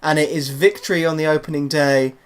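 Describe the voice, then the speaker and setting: A man commentating over his own football video game, calm and low between plays and bursting into loud excitement at goals. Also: brisk, clean tone. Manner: excitable, shouts goals then drops to a low murmur. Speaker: gaming YouTuber.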